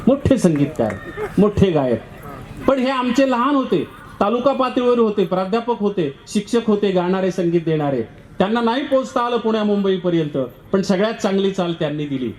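A man's voice: high-pitched, brisk. A man, a poet and professor, giving a public lecture where he recites verses and then explains them in plain speech.

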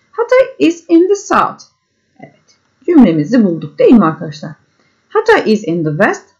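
A woman teacher talks slowly through a worksheet for children, and her voice swoops up high on each English word. She leads her pupils patiently from item to item. The sound is dull and lo-fi. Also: darkish tone. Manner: reads English words with a high lift, then gives the Turkish meaning; leads pupils step by step, often checking back with them.

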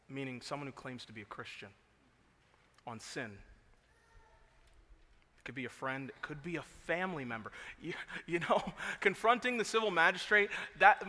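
Guy preaching, high bright voice, goes soft then gets loud, big reverby room. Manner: swings between quiet earnest talk and loud emphatic preaching. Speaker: pastor. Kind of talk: sermon. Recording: long hall reverb.

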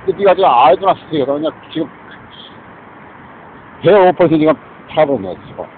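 A man's voice: on the high side, expressive, quick pace. A man from South Korea delivering a disjointed, repetitive rambling rant as a vlogger. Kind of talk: rambling spoken monologue. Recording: tinny phone-like recording with faint noise.

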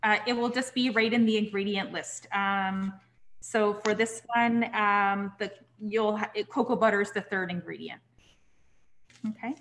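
A young woman teaching a cooking class in a kitchen, relaxed and chatty, checking in with "okay?" as she goes. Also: fairly high pitch. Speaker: cooking instructor. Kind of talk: live online cooking class.

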